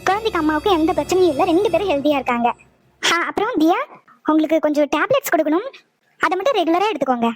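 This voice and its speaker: A woman voicing a practical female doctor in an animated cartoon, giving discharge instructions. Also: extremely high pitch, soft background music. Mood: brisk. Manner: brisk and businesslike.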